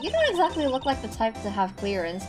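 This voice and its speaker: A woman voicing an eager young investigator in an excitable, exclaiming manner, as an amateur game voice reading. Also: fairly high pitch, fast talker, music in the background.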